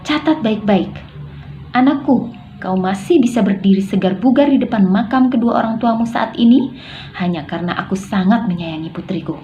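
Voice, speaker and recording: A woman's voice: medium pitch, animated, moderate pace, warm tone, lo-fi sound, faint music behind, natural voice. A woman reading as a menacing older man. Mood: threatening.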